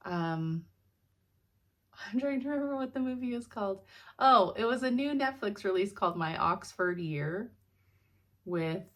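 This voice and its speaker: A young woman in casual, rambling chat as a cross-stitch vlogger at home, sounding sleepy and laughing often. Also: fairly low pitch.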